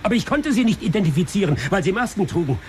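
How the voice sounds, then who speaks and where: An actor playing a humble barber in a radio drama, a beaten victim who speaks earnestly and imploringly. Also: male voice, big pitch swings, racing, a little hiss or hum. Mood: pleading. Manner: earnest, imploring, rising in pitch when upset.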